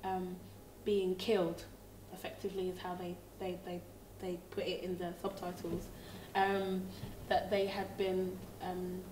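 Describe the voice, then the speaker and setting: Low, even-toned woman in a roomy space. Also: a little slow, noisy background. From Democratic Republic of Congo. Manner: thoughtful, searching for words. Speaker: singer-songwriter. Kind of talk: reflective interview talk. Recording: roomy, slightly distant mic.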